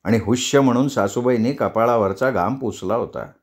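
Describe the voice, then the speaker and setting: A man narrating a novel in the first person, in an expressive, steady storytelling manner. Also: medium pitch, moderate pace.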